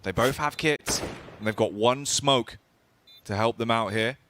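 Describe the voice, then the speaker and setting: A man's voice: mid-range voice, unhurried, fairly bright tone, slight background noise. A man working as an esports caster, giving live play-by-play commentary that builds dramatically at key plays.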